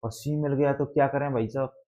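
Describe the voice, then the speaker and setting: A man's voice: mid-range voice, steady tone, brisk, dark tone. A male teacher, explaining exam facts through memory tricks and asking the class questions again and again. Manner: repetitive, call-and-response questioning. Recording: dull lo-fi sound.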